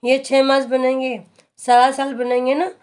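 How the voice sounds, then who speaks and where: Lady reading out a daily sermon real slow, kinda high voice, calm teaching tone. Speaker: reader of a daily spiritual discourse.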